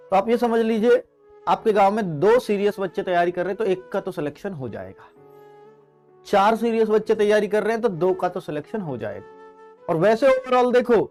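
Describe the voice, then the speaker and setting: A man with a high, slightly mellow voice speaks as an exam coaching teacher, explaining and advising students. His talk is motivational exam advice, and he repeats key phrases and answers his own questions.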